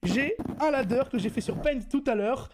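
Animated host wrapping up a stream. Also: male voice, very high-pitched, moderate pace, noisy background. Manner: animated, laughing, argumentative. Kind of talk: casual streamed chat.

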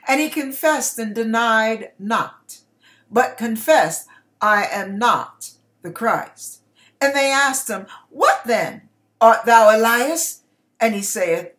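An online ministry host in her sixties reads the Bible aloud in King James English, delivering it deliberately, emphatically and dramatically, performing the dialogue. Her voice runs on the high side, captured at desk distance by a webcam inside a small curtained room.

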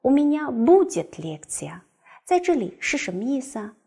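Lively, husky woman teaching a class. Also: sits high. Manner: explains step by step, reads Russian examples slowly and clearly. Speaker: Russian language teacher. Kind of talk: recorded classroom lecture.

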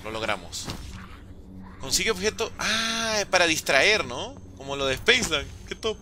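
A man casually commentating his gameplay, jokey and excitable, often exclaiming. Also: on the high side, normal speed, noisy background. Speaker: gaming host. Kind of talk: let's play commentary.

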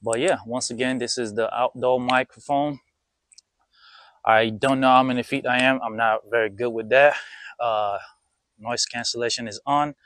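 A man's voice: medium pitch, steady tone, moderate pace, a bit bright, dry recording. A man casually reviewing a gadget outdoors in his backyard, chatty and rambling with lots of fillers, his voice carrying noise reduction artifacts from a wireless clip-on mic. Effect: noise reduction artifacts from the mic's noise cancellation. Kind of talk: casual product review vlog. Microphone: small wireless clip-on mic.

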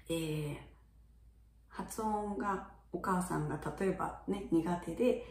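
A chatty middle-aged woman teacher explains in a relaxed, friendly lesson, her pitch rising and falling a lot. Her voice is mellow and dark in tone, and it sounds roomy, as if the mic is a little way off. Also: far from the mic. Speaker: English teacher for young children. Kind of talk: casual video lesson.

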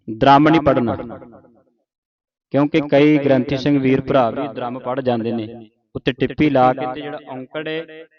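A man teaching how to pronounce scripture, drawing out each verse in a chant and then explaining quick points of spelling and pausing. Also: medium pitch, muffled recording. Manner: drawn-out chanting of verses, then brisk corrections. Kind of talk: slow line-by-line pronunciation lesson.

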